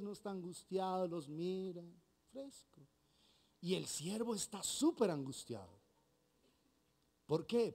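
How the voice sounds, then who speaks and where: Colombian male pastor, high lively voice, animated sermon delivery. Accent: Colombian Spanish. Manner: animated preaching, acting out dialogue.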